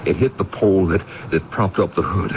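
A man's voice: sits low, brisk, noisy background, close to an everyday voice. An actor playing a jealous man who mutters to himself as he plots to kill his rival, in a radio drama. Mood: defensive. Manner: brooding, muttering to himself in asides. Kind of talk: 1980s radio drama acting. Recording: dull old radio recording with music.

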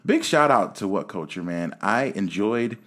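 A man in his late thirties hosting a casual chat, animated and often laughing, his voice trailing off softly at times. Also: lowish voice, a little slow. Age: 30s. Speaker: podcast host.

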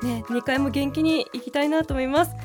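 A woman's voice: high-pitched, steady tone, faint music behind. A woman from Aomori with a Tsugaru accent, hosting a podcast as an announcer in an upbeat, chatty way. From Aomori, Japan. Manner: bright, upbeat, quick to laugh. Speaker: announcer host.

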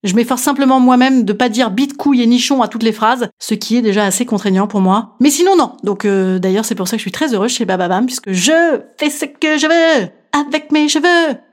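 A woman's voice: a little high, fast talker, hardly any pauses, a little mellow. A woman hosting a podcast, delivering a bawdy, chatty, self-mocking comic monologue. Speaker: podcast host. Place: Paris.

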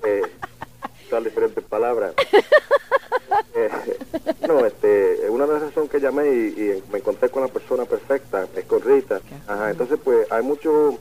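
A man's voice: medium pitch, moderate pace, dark tone, low-quality recording. A man calling in to a radio show, speaking hesitantly with many fillers. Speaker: caller. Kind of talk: radio call-in chat.

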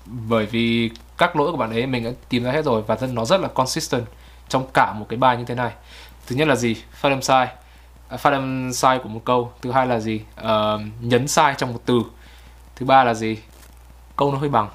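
A man's voice: medium pitch, fairly quick. A man chatting casually while he critiques recorded English reading, repeating words aloud to show how they should sound. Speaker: host reviewing pronunciation.

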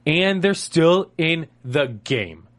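A man hosting a casual panel chat, talking loudly and excitably as he rambles through his analysis. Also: a little high, slow pace. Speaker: host.

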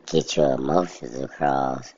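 A man with a very deep, gravelly voice gives a casual monologue in a slow, steady monotone he describes as such himself. He's steady and plainspoken, captured on a dull lo-fi recording.

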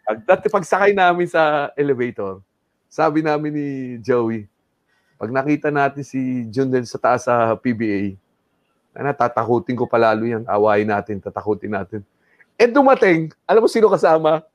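A middle-aged man, speaking as an interview guest, relates a story with animation, moving between Tagalog and English and voicing other people's words. He has a mid-range voice at normal speed, recorded with no echo.

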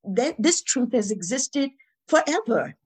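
In a conversational interview, a woman guest shares spiritual and motivational reflections, emphatic and repetitive, posing rhetorical questions. She speaks at a measured pace in a slightly high, sing-song voice that's a little mellow with a breathy edge.

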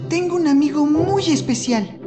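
An actress playing a sweet, eager presenter in an old TV clip with music behind. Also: female voice, high-pitched, animated, normal speed. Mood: cheerful.

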